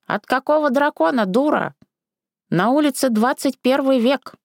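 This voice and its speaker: A woman's voice: mid-range voice, lively intonation, normal speed, creaky, a little mellow, dry recording, studio quality, pitched above the performer's own voice. A woman reading a storybook and voicing a crafty, rude old village woman who flips between sugary coaxing and coarse scolding. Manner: sing-song sugary then snapping, coarse.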